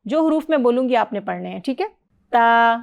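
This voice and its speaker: A woman's voice: on the high side, expressive, warm tone, dull audio. Patient woman teaching letter sounds. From Pakistan. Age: middle-aged. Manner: patient, explanatory, models letter sounds clearly and praises. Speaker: Quran reading teacher. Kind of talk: teaching explanation and drill with a student.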